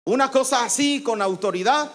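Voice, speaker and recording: A pastor's very high, somewhat bright voice carries an animated yet slightly slow sermon in church. Teaching from scripture, he hammers phrases through repetition and gives commands with authority.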